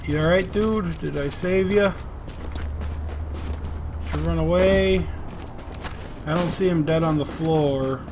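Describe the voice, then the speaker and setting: A man's voice: fairly high pitch, slow, pauses often. A man giving casual, laid-back gameplay commentary, talking to himself as he plays. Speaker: gaming streamer. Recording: game gunfire and street noise behind. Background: video game ambience, gunfire, vehicles.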